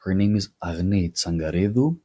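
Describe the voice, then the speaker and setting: A Greek man hosting a history video delivers his commentary with sarcasm and strong opinions, peppering it with dry, mocking remarks. His low, dark voice has a husky, breathy texture, and he speaks at a moderate pace.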